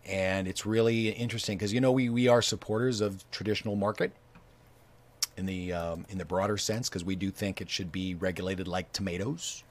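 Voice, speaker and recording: A man co-hosting a laid-back talk show. His voice sits a little low, and he stumbles along with frequent ums and restarts. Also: steady tone. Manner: halting, many fillers and restarts. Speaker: co-host. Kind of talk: casual chat.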